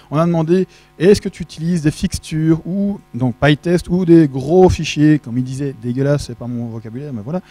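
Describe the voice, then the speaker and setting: A fairly high, mellow male voice comes through in a dry recording. The speaker is a middle-aged man giving an informal tech conference talk in French, chatting, joking, and questioning the audience from a handheld mic in a large, dim auditorium with a projection screen.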